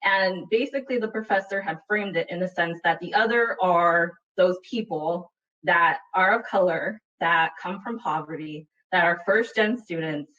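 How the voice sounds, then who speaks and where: A woman's voice: on the low side, normal speed, fairly bright tone. A woman from Utah, a panelist telling a personal story in a webinar, earnest and reflective, often checking in with "right?". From Utah, USA. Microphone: video call computer mic. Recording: dull, distant webinar audio.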